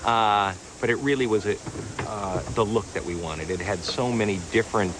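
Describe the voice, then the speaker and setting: A man from the United States, a TV producer, speaking in a measured, reflective interview. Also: on the low side. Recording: noisy location recording.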